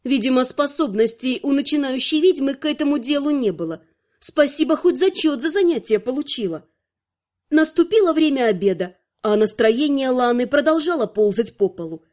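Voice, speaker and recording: A woman narrating a fantasy audiobook in an even, measured storytelling manner. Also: high voice.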